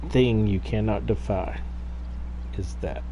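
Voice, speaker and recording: A man's voice: fairly low pitch, takes it slowly, dark tone, a little hiss or hum. A man in his fifties chatting casually while co-playing a farming game, laid-back and musing. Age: 50s. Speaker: co-player.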